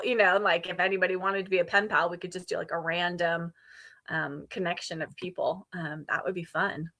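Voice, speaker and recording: A woman in her fifties hosts a casual livestream chat, reading out viewer comments and responding to them conversationally. Her voice is medium-pitched with a sharp tone.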